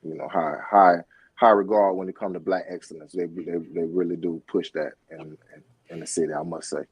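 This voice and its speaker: A man's voice: low voice, flat delivery, fairly quick, slightly rough, no room sound. A middle-aged man from Florida, a podcast guest, talking casually with lots of fillers and restarts. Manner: rambling, many fillers and restarts. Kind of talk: casual interview talk.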